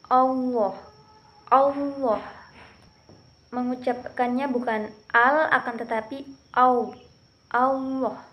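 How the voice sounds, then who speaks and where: A young woman explaining how Arabic letters are pronounced for Quran recitation, drilling syllables slowly and carefully, with the examples louder than her explanation. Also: fairly high pitch, slight background noise.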